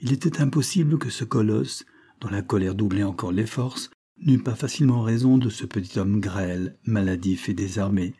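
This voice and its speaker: A man reading a classic novel aloud in calm, measured, scripted narration. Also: on the low side, slightly rough. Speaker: audiobook narrator.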